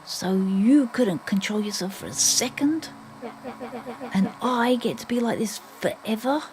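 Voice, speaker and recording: An older woman voicing a bitter, resentful boy who has become a monster, talking in hushed, mocking tones. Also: a little high, a little slow, slight background noise, close to an everyday voice.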